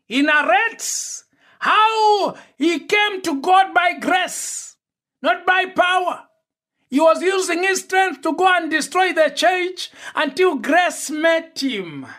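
Very high-pitched man preaching slowly. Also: bright, forceful tone. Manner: emphatic, deliberate phrasing. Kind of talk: homily.

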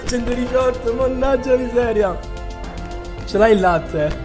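A man's voice: extremely high pitch, lively intonation, slow, over music. A young man livestreaming casually, exclaiming in agony as his mouth burns from spicy food. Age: young adult. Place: small indoor room.

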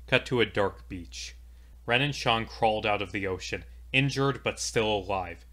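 Bright-voiced man narrating a fantasy story. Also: on the low side. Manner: measured, dramatic storytelling. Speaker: storyteller recapping a tabletop campaign. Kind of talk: scripted narration.

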